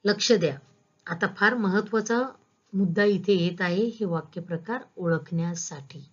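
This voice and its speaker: A woman's voice: fairly low pitch, a little slow, slightly rough, muffled recording. A woman school teacher giving a patient, step-by-step grammar lesson, asking her students questions as she goes.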